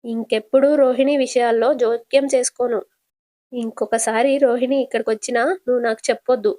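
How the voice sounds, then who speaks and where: A woman voicing a gentle, modest young married woman who explains things patiently, in a casual serial retelling. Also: fairly high pitch, fairly even intonation, a little fast, close to an everyday voice.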